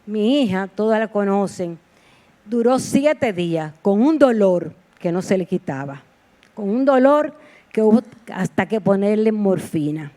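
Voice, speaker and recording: A woman's voice: mid-range voice, animated, a little slow, dark tone. A woman preacher giving a sermon in a heartfelt, personal storytelling manner, with repeated exclamations. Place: church sanctuary.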